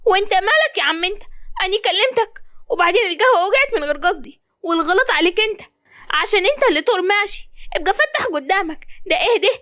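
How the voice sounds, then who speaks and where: A woman with an Upper Egyptian accent voicing a feisty, hot-tempered young woman who snaps back quickly. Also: expressive, pushed and bright, exaggerated voice. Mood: angry. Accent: Upper Egyptian (Sa'idi). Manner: high, snappy, quick to argue.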